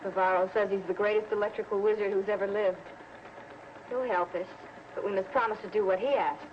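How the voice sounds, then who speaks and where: Actress as capable young space interpreter, rapid delivery, medium pitch, vintage serial. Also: female voice, steady tone, natural voice. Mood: composed. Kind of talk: 1950s sci-fi serial acting. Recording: dull old film soundtrack, faint noise.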